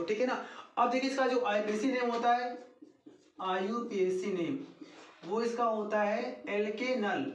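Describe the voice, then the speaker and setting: A male teacher takes the class through a chemistry lesson at an unhurried pace. He repeats each formula and keeps asking questions that he answers himself. His voice sounds roomy and echoey. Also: high voice, a little hiss or hum. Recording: echoey room.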